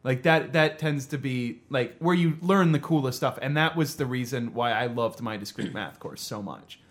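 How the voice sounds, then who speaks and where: A man's voice: medium pitch, normal speed. A man co-hosting a casual math podcast, explaining at length, teasing the others and laughing often. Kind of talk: casual panel chat about math.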